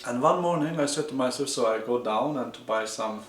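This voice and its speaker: A man from Iran co-hosts a relaxed conversation about living abroad. He talks in a playful, animated way, full of fillers and restarts, at an average pitch, and his voice rings in a roomy, echoey space. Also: a little fast. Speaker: co-host. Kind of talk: casual chat.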